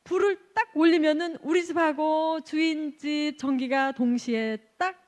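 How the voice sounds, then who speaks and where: High-voiced woman missionary telling stories. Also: unhurried. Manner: animated, laughs often, acts out quoted exchanges. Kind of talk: lively storytelling testimony. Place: church service.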